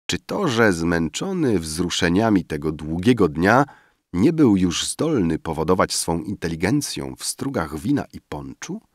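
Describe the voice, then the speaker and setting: A man with a very deep voice narrates a classic novel slowly, letting his intonation swing widely through each sentence. The recording is dry and close, with no room sound. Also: dry recording. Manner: measured, expressive literary reading. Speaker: audiobook narrator. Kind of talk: scripted narration.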